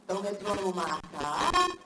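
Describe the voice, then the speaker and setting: A woman's voice: mid-range voice, normal speed. A woman, leading a workshop for teachers and firing questions at the audience. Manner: lively, asks the audience questions. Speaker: teacher trainer. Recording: roomy, distant mic, noisy room.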